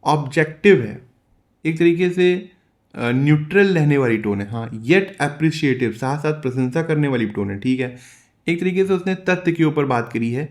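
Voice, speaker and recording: A man teaching English comprehension, reading passages slowly in English and explaining them in Hindi, asking and answering his own questions. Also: on the high side, animated, darkish tone. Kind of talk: bilingual lesson explaining an editorial.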